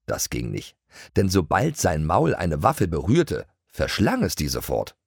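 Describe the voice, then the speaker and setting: Male audiobook narrator for children; deep, husky, very lively delivery, dry studio. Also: unhurried, no echo. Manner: lively storytelling. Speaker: audiobook reader.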